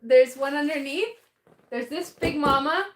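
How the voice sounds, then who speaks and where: Opening fan mail on a live stream, a woman chats casually in a high, unhurried voice. She rambles and hesitates, restarting often and letting out small laughs.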